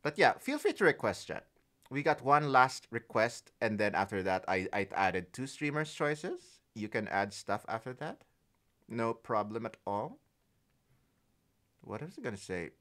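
A man's voice: mid-range voice, sing-song, a little slow, fairly bright tone. A man streaming live, chatting casually with viewers, thanking them, laughing often and stumbling over his words. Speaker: music streamer.

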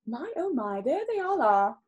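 In a children's story time, a woman with a really high voice reads a picture book, super swoopy and dramatic, chatting between lines. Her manner is theatrical and expressive, full of drawn-out emphasis and exclamations. She's in an armchair in a small indoor room, and the high frequencies of the recording are cut off.

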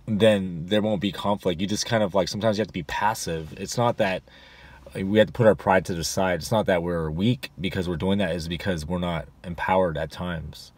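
Inside a parked car, a rideshare driver in his forties gives casual advice to his dashboard camera. His low, darkish voice is steady and fairly quick, and he rambles with many fillers and restarts.

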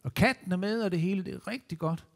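A man telling Bible stories to children in a church, lively, animated and playful. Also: sits high, gravelly. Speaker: children's entertainer. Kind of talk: storytelling to children.

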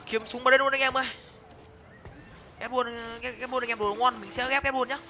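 A young man giving excited live commentary on his game, talking to viewers and repeating words in quick bursts. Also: very high voice. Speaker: game streamer. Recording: music playing behind voice.

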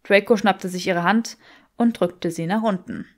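A woman reads a fan fiction audiobook as narrator. Her voice sits at a middle pitch, calm and steady between the spoken lines. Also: measured pace. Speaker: audiobook reader.

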